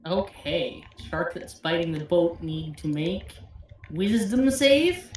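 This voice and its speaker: Echoey lady dm narrating a tabletop game, kinda halting, bit of noise behind her. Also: on the low side, very animated, a little mellow. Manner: halting, searching for words. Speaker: game master.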